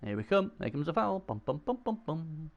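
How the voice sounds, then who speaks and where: A man giving casual, excitable commentary on a video game match, often repeating himself. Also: on the high side, fairly quick, muffled recording.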